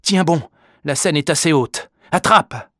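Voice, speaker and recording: A man reading a story aloud, voicing a proud, wary father who speaks gruffly and defensively. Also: on the high side, animated, measured pace, pushed and bright, no room sound, clean studio sound, pitched above the performer's own voice, heavily acted.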